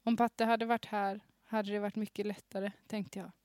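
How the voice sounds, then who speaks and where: A woman's voice: mid-range voice, flat delivery, a little mellow, no room sound, clean studio sound. Woman giggling through an old story. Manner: reads with suppressed giggles. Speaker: podcast host. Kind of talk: reading aloud her old teenage story. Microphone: studio microphone with headphones.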